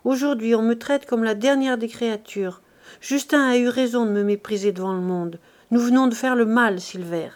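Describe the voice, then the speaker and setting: A woman's voice: fairly high pitch, moderate pace, a little mellow, lightly acted. A woman reading the part of a frightened, ashamed thirteen-year-old girl in an audiobook, pleading and distressed.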